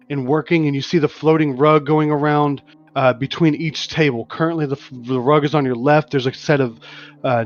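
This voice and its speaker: A man runs a tabletop game as game master, narrating scenes and calling for rolls with frequent uhs and restarts. His voice comes through slightly dull, lo-fi stream audio, with faint music playing underneath. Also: on the high side. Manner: descriptive, with frequent restarts and "uh" fillers.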